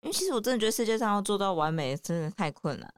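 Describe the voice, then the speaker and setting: A woman's voice: medium pitch, animated, racing, clean tone, dry recording, clean studio sound. A woman with a Taiwanese Mandarin accent, chatting casually as a podcast host. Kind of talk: casual chat.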